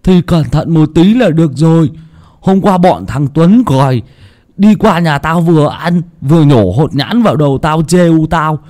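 A man voicing a chubby, loud, teasing village boy, shouting and joking. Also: fairly high pitch, animated, moderate pace, voice pushed up, close to an everyday voice. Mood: eager. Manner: shouty, cheeky, laughing.

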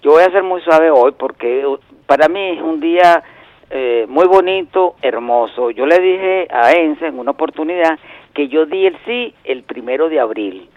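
A man's voice: fairly high pitch, moderate pace, no echo. A man in his sixties calling in to a radio show, chatting in a rambling way and trading wordplay. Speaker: regular phone-in contributor. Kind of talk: casual radio chat by phone. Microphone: telephone. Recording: dull lo-fi phone line, dry.

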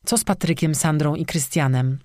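A narrator voicing a frightened young woman who speaks hushed and stammers. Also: medium pitch, moderate pace, dry recording, studio quality, close to an everyday voice. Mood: timid fear.

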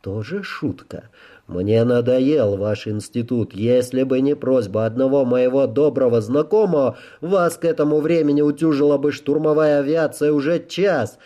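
A man's voice: mid-range voice, moderate pace, warm tone, muffled recording, pitched above the performer's own voice, lightly acted. A man voicing a hard, commanding male leader who speaks curtly and with cold menace, in an audiobook. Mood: cold menacing. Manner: curt and brusque.

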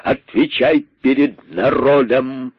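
A man's voice: mid-range voice, steady tone, slow, breathy edge, no room sound. A man voicing a stern, accusing male rabbit king in a radio story reading. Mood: angry. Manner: angry, sarcastic, commanding. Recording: dull, dry radio recording.

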